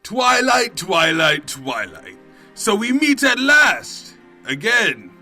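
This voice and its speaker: A man's voice: sits high, huge pitch swings, slow, bright, forceful tone, soft background music, full character voice. A man playing an evil, scheming, cowardly pony king in a comedic audio drama, pompous and melodramatic. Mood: grandiose menace. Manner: pompous, melodramatic, slipping into evasive excuses. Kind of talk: comedic fan fiction audio drama acting.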